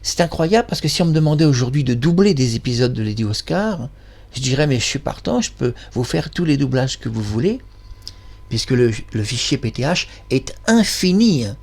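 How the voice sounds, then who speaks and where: A man of middle pitch hosts his own channel in a loose, casual monologue. He rambles and praises himself effusively, his thoughts spilling from one to the next. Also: very animated, normal speed, a little mellow. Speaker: channel host.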